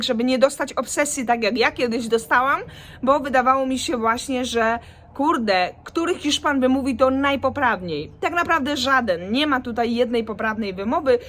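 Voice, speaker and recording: A young woman with a fairly high voice explains pronunciation in a relaxed video lesson. She talks informally and animatedly. She sounds a bit worn out from working late. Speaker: Spanish pronunciation teacher.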